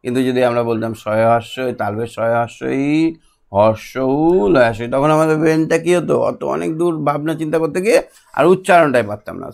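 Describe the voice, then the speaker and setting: A middle-aged man teaching a classroom lesson, patiently repeating and drilling syllables slowly. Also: medium pitch.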